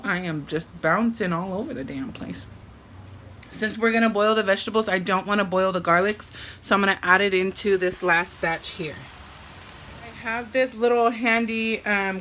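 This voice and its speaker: Fairly bright in tone and mid-range in pitch, a woman who runs a cooking vlog talks her way through a home video, rambling and telling bawdy jokes. Sizzling from the pan fills the background of her kitchen as food fries.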